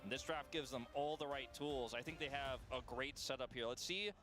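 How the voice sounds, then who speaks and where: A man's voice: mid-range voice, a little fast. Man calling an esports match, music behind. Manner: explains rules at length, playful asides. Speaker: esports caster. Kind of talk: play-by-play commentary.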